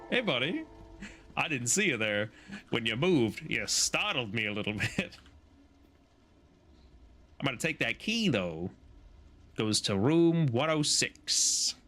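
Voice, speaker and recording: A man's voice: mid-range voice, very animated, takes it slowly, pauses often, pushed and bright. Jokey man rambling through a game. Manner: rambling, jokey, swears, laughs. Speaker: streamer. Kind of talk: casual gameplay commentary.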